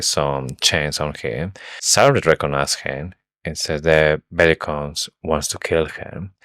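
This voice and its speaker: A man's voice: very deep voice, a bit bright, clear, resonant tone, no room sound, studio quality. A man co-hosting a podcast, casually recapping book chapters with a hesitant, filler-heavy way of talking. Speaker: podcast co-host.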